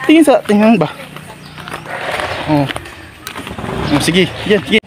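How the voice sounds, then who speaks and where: High-voiced man coaxing gently on a walk. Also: very animated, slow, background noise. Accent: Agusan del Sur Filipino. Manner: coaxing, repetitive, gently encouraging a companion. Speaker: vlogger host. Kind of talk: casual walking vlog. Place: outdoors on a street and court.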